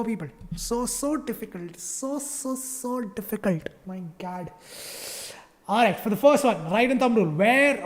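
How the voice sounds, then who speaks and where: A man with a South Indian English accent teaching a live online physics class. He quizzes the class constantly and teases them in a playful, mock-dramatic way. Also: high-pitched. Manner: chatty, keeps asking the class questions.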